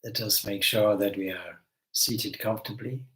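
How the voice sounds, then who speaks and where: Gentle guidance comes from a male spiritual teacher leading a meditation, his phrases separated by long pauses. His pitch is fairly low and his intonation fairly even, and the recording quality is rough.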